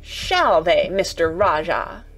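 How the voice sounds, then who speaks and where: A woman voicing a stubborn, sour-tempered young girl in a storybook reading, with fierce, sharp retorts. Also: mid-range voice, lively intonation, a little slow, soft background music, close to an everyday voice, poor audio. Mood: defiant.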